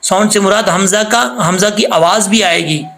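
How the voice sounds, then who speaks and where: A man with a high-pitched voice teaches Quran recitation, walking through pronunciation step by step. He explains patiently, then stretches each example word out slowly so it can be copied. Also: vocal fry, pushed and bright. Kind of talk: tajweed lesson.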